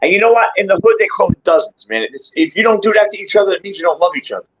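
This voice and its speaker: A man's voice: high-pitched, animated, rapid-fire. Sixty-year-old man, profane streetwise bro talk. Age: 60s. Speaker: guest in a livestream chat. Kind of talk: casual unscripted chat. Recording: dull lo-fi stream audio, clear background noise.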